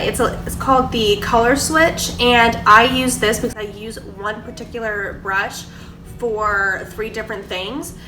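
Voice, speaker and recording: Sitting at her kitchen table with a stuffy nose from a cold, a young woman from Georgia, US, talks casually through her makeup in a get-ready-with-me vlog. She's chatty and filler-heavy as she describes products in a mid-range voice, captured by a distant mic in an echoey, noisy room.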